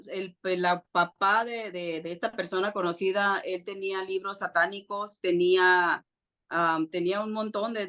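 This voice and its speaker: A woman's voice: fairly low pitch, a bit bright. A woman with grown children giving an earnest church teaching, sharing personal testimony with frequent fillers and restarts. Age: adult with children. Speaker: preacher.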